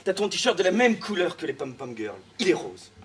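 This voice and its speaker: A young student man giving a comic speech in a low, mock-solemn confiding way. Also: big pitch swings, normal speed, a bit bright. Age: young adult. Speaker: student debater. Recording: noisy room, mic far off.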